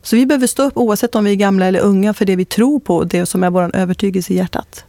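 Earnest woman guest, emphatic testimony, mid pitch, dry studio. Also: steady tone, dark tone, dry recording. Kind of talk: testimony-style radio talk.

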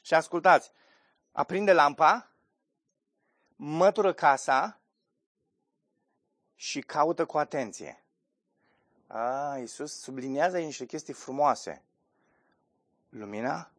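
A man's voice: a little high, pauses often, dry recording, studio quality. A man in his thirties preaching a sermon, reading scripture aloud and putting questions to his listeners. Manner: lively preaching, reads scripture aloud, asks the congregation questions. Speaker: pastor.

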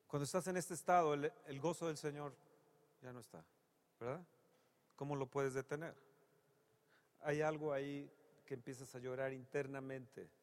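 A man preaching a sermon, dramatic and humorous, swinging from hushed passages to loud exclamations. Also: medium pitch, fairly even intonation, normal speed, pauses often. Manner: humorous storytelling. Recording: long reverb from a large hall.

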